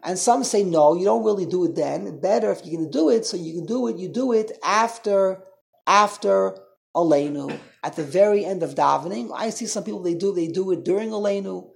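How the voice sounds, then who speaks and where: A man teaching an informal Torah class as a rabbi, talking in an animated way and repeating himself. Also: high-pitched, brisk, gravelly. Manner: animated, repetitive, mixes Hebrew and Yiddish terms.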